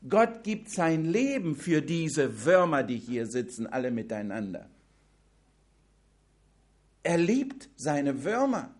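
A man delivers a sermon in a fairly high voice, speaking unhurriedly. He presses his points with emphasis and turns to the listeners with direct questions. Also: darkish tone. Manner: slow, emphatic preaching, addressing the congregation directly. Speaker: preacher.

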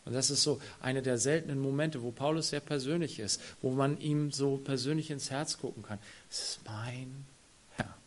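A man preaching a sermon who speaks straight to his congregation, dropping to near-whispers and then rising to loud, emphatic phrases. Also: medium pitch, moderate pace, slight background noise. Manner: addresses the congregation directly.

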